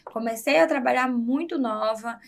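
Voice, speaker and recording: A Brazilian entrepreneur, a woman, is the guest in a casual interview, speaking candidly and with self-assurance. Her voice is a little high and creaky at a normal speed, and her chatty answers are full of fillers.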